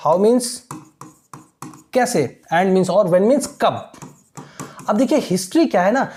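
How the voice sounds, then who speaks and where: A woman giving an exam-prep lesson in a mellow, warm voice. She reads English phrases slowly, then explains them at a quicker pace. She keeps asking rhetorical questions and checking that her listeners follow. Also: medium pitch. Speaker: teacher.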